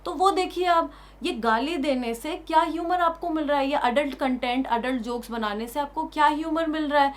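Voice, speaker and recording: A young woman giving an indignant opinion rant on her vlog, full of emphatic rhetorical questions. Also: high voice.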